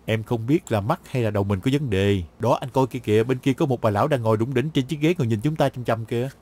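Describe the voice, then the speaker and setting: A man's voice: mid-range voice, fast, darkish tone, close to an everyday voice. A man playing a chatty, cocky detective. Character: cocky young male detective, a con artist inside. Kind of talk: dubbed drama. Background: background music.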